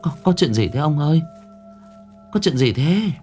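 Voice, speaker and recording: A man voicing a terrified village wife in a spoken ghost story, stammering in a high falsetto. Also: very animated, moderate pace, a little mellow, soft background music. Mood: panicked. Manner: stammering, shrill falsetto pleading.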